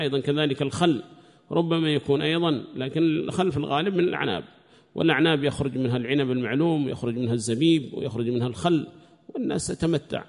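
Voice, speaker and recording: A man teaching a scripture commentary lesson in a quick, gravelly voice that sits a little high. He explains patiently and circles back to repeat key phrases as he reasons aloud. His voice carries a long echo, as if recorded in a large hall. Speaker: religious teacher.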